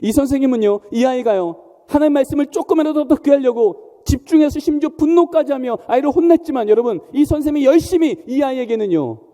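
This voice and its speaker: A man's voice: very high-pitched, lively intonation, quick pace, hardly any pauses, mellow. A man preaching a sermon in a church, emphatic and often questioning the congregation. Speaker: pastor. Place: large church hall. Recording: long church hall reverb.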